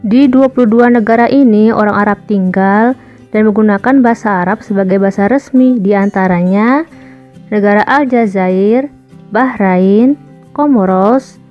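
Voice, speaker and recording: A woman's voice: medium pitch, normal speed. A woman vlogger talking casually to her viewers, explaining points one by one in a chatty way. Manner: chatty, addresses viewers as guys, lists points. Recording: muffled audio with faint background music.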